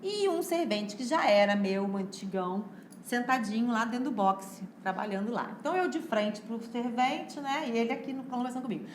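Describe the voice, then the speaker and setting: A woman's voice: on the high side, animated, fairly quick, echoey room, a little hiss or hum. A woman, a guest architect on a podcast, telling stories casually and acting out other people's voices.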